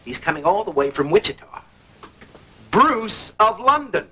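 A man's voice: high voice, big pitch swings, unhurried, slightly rough, full character voice. An actor playing a self-important, glad-handing lodge chairman with an American accent in a mid-century radio comedy. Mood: businesslike, proud. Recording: dull, faintly noisy vintage radio recording.

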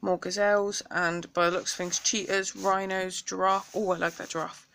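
A woman's voice: mid-range voice, flat delivery, moderate pace, gravelly, fairly bright tone, slight background noise. A young woman from the UK with a British accent, chatting through a craft haul at home, enthusiastic and sprinkled with ums. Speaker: craft vlogger. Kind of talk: casual craft haul show-and-tell.

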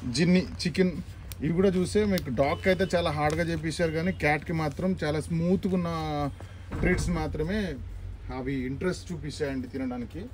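A man's voice: on the high side, a little fast. A young man with a Telugu accent walking viewers through a pet shop, explaining products in a chatty, informal way. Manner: chatty, explanatory, mixes English words into Telugu. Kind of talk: casual shop tour for viewers. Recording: faint background noise.

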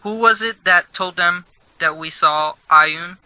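A man's voice: sits high, a little slow, sharp tone, smooth, no echo. A man chatting casually as a tabletop game player, insistent and repeating himself. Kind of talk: casual chat.

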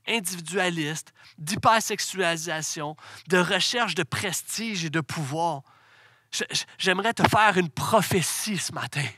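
A man's voice: fairly high pitch, bright, forceful tone, no room sound, studio quality. A male pastor preaching a sermon, telling stories and building to emphatic declarations.

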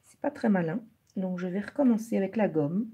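Husky-voiced woman coloring live. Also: medium pitch, expressive, fairly quick. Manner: switches between French and English, repeating each step; soft, murmured while concentrating on coloring. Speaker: live coloring stream host. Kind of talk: bilingual live coloring tutorial, reading chat.

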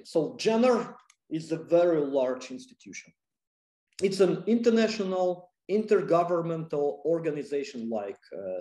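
A man with a Russian accent gives a popular science lecture in a somewhat high, mellow voice. He speaks haltingly, with many fillers and restarts. The room adds a noticeable echo. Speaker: physicist lecturer. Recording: echoey room.

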